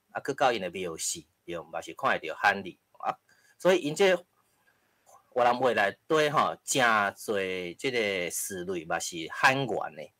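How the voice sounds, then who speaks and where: Deep-voiced Taiwanese man lecturing. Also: bright, forceful tone, no room sound. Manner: explains step by step with frequent tag particles; occasional coughs and throat clearing. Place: lecture hall with live audience.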